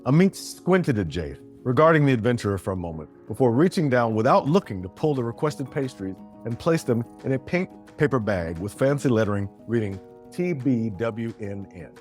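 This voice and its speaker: A man narrating a fantasy story in a steady, descriptive way. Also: medium pitch, normal speed, soft background music.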